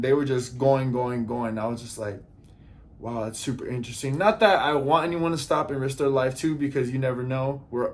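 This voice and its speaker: A man in a mid-pitched voice tells a story to his viewers, casual and earnest. He acts out the lines of the people in his story as he goes. He often turns to speak straight to his audience. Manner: animated retelling, acts out dialogue; earnest, addresses viewers directly. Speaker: vlogger.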